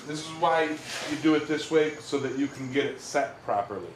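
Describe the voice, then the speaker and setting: A man's voice: a little high, normal speed. Folksy man hosting in a noisy, echoey workshop. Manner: folksy, informal address to the audience. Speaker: livestream host. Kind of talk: casual live-stream chat with viewers. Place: forge workshop. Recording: echoey workshop, loud background noise.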